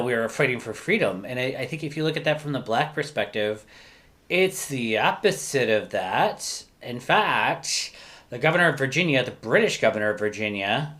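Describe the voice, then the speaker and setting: A man's voice: mid-range voice, pushed and bright. A man co-hosting a podcast, talking in a rambling, thinking-aloud way and often correcting himself mid-sentence. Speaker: podcast co-host. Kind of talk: casual podcast discussion.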